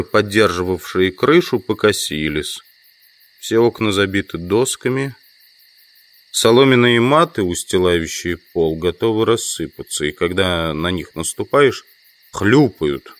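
For an audio drama, a male actor with a low-pitched voice portrays a weary, educated insect collector, thinking aloud in a halting inner monologue.

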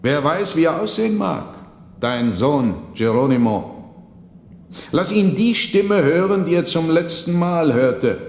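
A man voicing a sinister, uninvited monk who declaims in a loud, raised voice. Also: on the high side, animated, unhurried, pitched above the performer's own voice. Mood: ominous. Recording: roomy reverberant hall.

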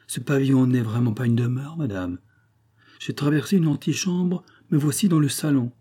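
A man's voice: mid-range voice, moderate pace, mellow, slightly rough, pitched above the performer's own voice, natural voice. A man reading an audiobook voices a lovelorn, wounded nobleman who speaks with restraint and sighs. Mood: probing. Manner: restrained and sighing. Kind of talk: audiobook character voice.

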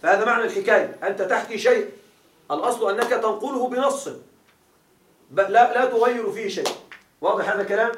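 A man's voice: sits high, fast, long pauses. A man teaching a grammar class, quizzing his students with repeated questions as he explains. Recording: echoey room, mic far off.

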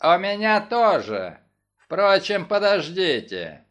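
A man voicing a blunt questioner who probes loudly. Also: sits high, very animated, slow pace, dull audio, full character voice. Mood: probing.

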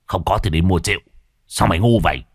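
A man's voice: low-pitched, fast talker, gravelly, no echo, studio quality. A man voicing a drunk, violent middle-aged husband who curses and threatens. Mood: raging. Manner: snarling, coarse and threatening.

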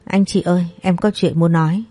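A woman's voice: lowish voice, steady tone, a little fast, dark tone, no room sound, soft background music, lightly acted. A woman voicing a troubled married man who talks in a plain, reassuring way.

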